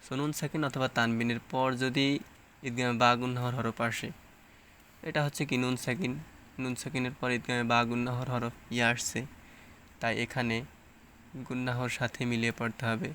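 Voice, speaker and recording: With a level, mid-range, fairly bright voice and slight background noise, a man teaches the rules of Quran recitation in a tajweed lesson. Each rule gets a plain explanation and he answers his own questions, before reciting verses in a slow, drawn-out way.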